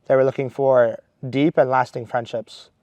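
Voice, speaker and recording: A man's voice: medium pitch, little pitch movement, normal speed, darkish tone, no echo, highs cut off. A man in his twenties from Maryland, a seminarian earnestly telling a story with many restarts. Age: 20s. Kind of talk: casual storytelling.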